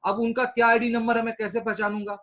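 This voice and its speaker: High-voiced man explaining rules to staff. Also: level tone, fast talker, a bit bright. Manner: explains patiently, repeats points for everyone. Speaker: trainer running an online staff meeting. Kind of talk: instructing over a call.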